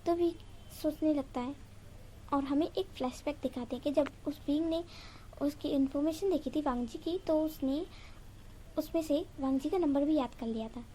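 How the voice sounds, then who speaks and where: A woman's voice: high-pitched, moderate pace, mellow, slight background noise. A woman casually retelling a fan story, chatty and linking each event with "so". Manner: chatty, strings events together with "so".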